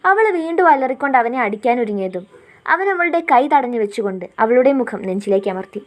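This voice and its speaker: A woman storyteller narrating a romance story in a calm, steady reading voice. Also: fairly high pitch, quick pace.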